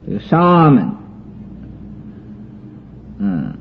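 A man giving a Buddhist sutra commentary lecture, explaining terms slowly with many drawn-out fillers. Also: medium pitch, huge pitch swings, a little hiss or hum. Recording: tinny lo-fi recording with faint music.

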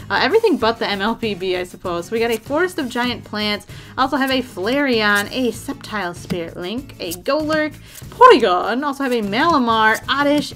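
A woman hosting a casual card unboxing, chatting to viewers in a bubbly, excitable way. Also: medium pitch. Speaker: trading card unboxing host.

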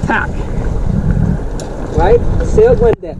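A man's voice: extremely slow, muffled recording. A man patiently teaching a sailing lesson on a small boat at sea, picked up by an action camera. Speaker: sailing instructor. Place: small sailboat outdoors at sea. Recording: wind noise outdoors at sea.

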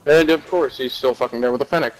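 A man chatting with friends over a headset while playing a shooter, excitable and swearing a lot. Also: medium pitch, fast talker, noisy background. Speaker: player in a gaming party. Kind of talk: casual gaming chat. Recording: loud game gunfire behind.

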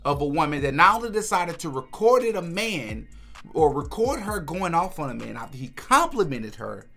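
In a small furnished room indoors, a young adult man hosts a reaction video for his channel, giving casual, opinionated takes and repeating words to stress them. His voice sits high and a bit bright, with vocal fry.

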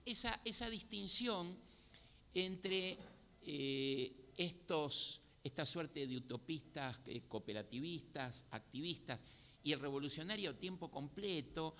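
Gravelly Argentine man in a reverberant hall. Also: medium pitch, a bit bright, a little hiss or hum. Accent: Argentine Spanish. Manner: measured and thoughtful, often pausing to restart phrases. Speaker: panelist at a book presentation. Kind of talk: academic commentary at a public event. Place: museum hall. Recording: reverberant hall with faint ambience.

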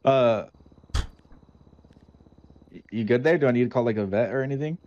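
A man's voice: medium pitch, moderate pace, a little mellow. A man in casual game role-play as a burger shop worker, talking in laid-back, dude-heavy slang. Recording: slightly dull, lo-fi voice chat.

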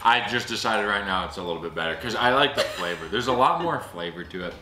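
A man's voice: on the low side, animated, fast talker, a crowd in the background. A young man chatting casually as he gives his taste reactions on camera at a table indoors. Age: young adult. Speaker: co-host of a taste-test video. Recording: echoey room with noticeable noise.

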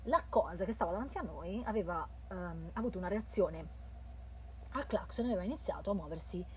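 An Italian woman translating and reading a horror game aloud, moving between quiet narration and loud joking remarks. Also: lowish voice, expressive, a little fast, slight background noise. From Italy. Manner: reads narration softly then breaks into loud, playful commentary. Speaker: let's play host translating a game aloud.

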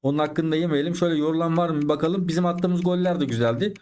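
A man's voice: fairly high pitch, racing, darkish tone. Chatty man commenting on his game. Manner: chatty, addresses viewers as friends, exclaims at plays. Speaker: gaming YouTuber. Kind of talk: live gameplay commentary.

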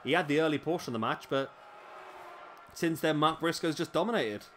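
A man's voice: a little high, brisk, a bit bright, slight background noise. A man with hiccups giving casual play-by-play commentary on a wrestling video game. He is chatty, often adds tag questions and corrects himself.

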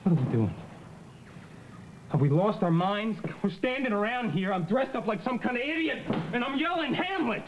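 A man's voice: high-pitched, sing-song, normal speed, muffled recording, noisy background. An actor playing a frustrated man stranded on an island who keeps trying out disguises, in an agitated and exasperated soap-opera scene. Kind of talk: 1990s-2000s television soap acting.

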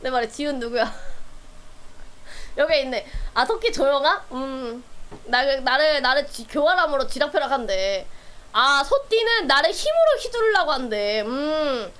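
A woman's voice: high-pitched, sing-song, unhurried, a bit bright. A woman streamer chatting casually with her viewers, playful and teasing, often breaking into laughter.

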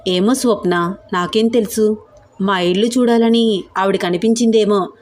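A woman voicing a gentle, caring young woman who talks with concern. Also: mid-range voice, fairly even intonation, a little slow, natural voice. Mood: calm.

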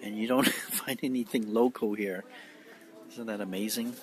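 In a casual walkthrough vlog, a middle-aged man marvels at a large supermarket, rambling and using fillers as he films on his phone. His voice is on the low side with fairly even intonation and normal speed. Store ambience and faint music come through the noisy recording.

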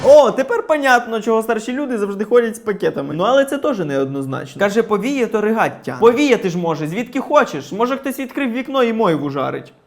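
A man's voice: high voice, sing-song, fast talker, few pauses. A man from Ukraine who mocks regional news stories in sarcastic comic commentary. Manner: sarcastic, mocking. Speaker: comedian reviewing regional news.

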